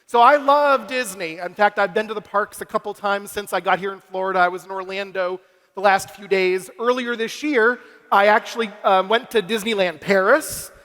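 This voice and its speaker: At a youth conference, a young man from Massachusetts energetically addresses the audience from a large convention hall stage in an upbeat, self-deprecating keynote, working the crowd. His high, fairly bright voice holds a steady tone at a moderate pace, amplified by a stage microphone through a PA.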